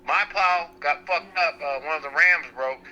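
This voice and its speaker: A man's voice: fairly high pitch, normal speed, bright, forceful tone, low-quality recording. A man phoning in on speakerphone, talking casually in a blunt, profane way while he tells stories. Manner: blunt, profane, laid-back storytelling. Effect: heard over a phone on speakerphone. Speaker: friend called in by phone. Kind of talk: casual chat.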